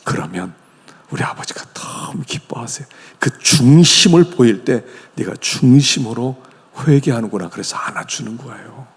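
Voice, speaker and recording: A man, a senior pastor, preaching a sermon in a church sanctuary with animated storytelling. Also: mid-range voice, normal speed, husky. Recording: long church-hall reverb.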